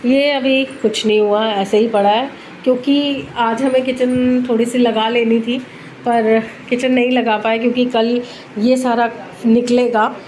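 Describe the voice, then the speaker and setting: A woman talks her viewers through renovation work in her home. She keeps her voice low and chatty, with the camera held close to her. The room behind her is noisy. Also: little pitch movement, a little slow, darkish tone. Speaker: home vlogger. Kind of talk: casual home renovation vlog. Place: home under renovation, indoors. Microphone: handheld camera held close.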